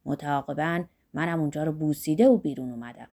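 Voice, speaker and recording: Woman doing a crazy fiery monk, low voice, rants and whines, mellow audiobook read. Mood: aggrieved. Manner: ranting, pleading, fervent. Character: wild-eyed fiery male monk, half-mad.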